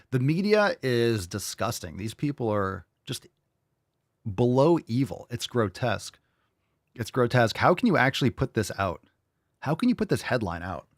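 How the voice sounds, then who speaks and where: A man's voice: medium pitch, dry recording, studio quality. A man hosting a casual live commentary show, talking bluntly and profanely in a mocking way. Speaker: show host.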